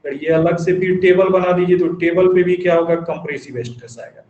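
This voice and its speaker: A high-voiced engineering teacher with a darkish tone and fairly even intonation lectures in a classroom with students, recorded dully with echo and faint ambience. He asks the class questions and answers them himself, and dictates definitions slowly in English.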